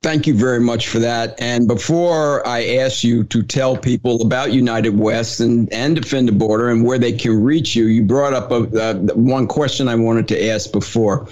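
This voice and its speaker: A man hosting a talk show, asking questions in an animated, incredulous way. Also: medium pitch, normal speed, hardly any pauses, dull audio. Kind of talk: conversational interview.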